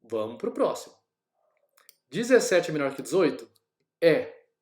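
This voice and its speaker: Speaking a little slowly, with big pitch swings, this Brazilian man has a slightly high voice and a darkish tone. He's a programming teacher giving a screen-recorded coding lesson, talking casually through each step for his class in an echoey room.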